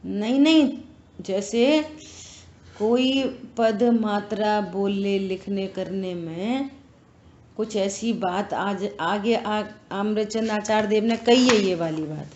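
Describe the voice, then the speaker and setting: Slow, earnest woman teaching scripture. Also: mid-range voice, darkish tone, a little hiss or hum. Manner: slow, earnest explaining with rhetorical questions. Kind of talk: religious scripture class. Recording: echoey room, dull lo-fi sound.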